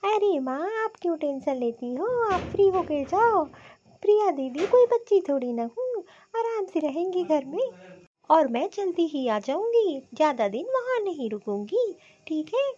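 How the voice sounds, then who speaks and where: A woman's voice: very high-pitched, sing-song, unhurried, warm tone, slight background noise, heavily acted. A woman voicing a lazy, scheming young daughter-in-law in a cartoon, sly and sugary-sweet in how she talks. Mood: sweet-talking. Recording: dull lo-fi recording.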